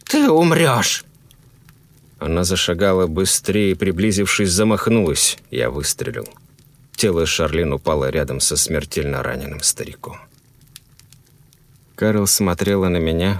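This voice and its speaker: A man narrating a grim first-person horror story in a grave, measured way. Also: very deep voice.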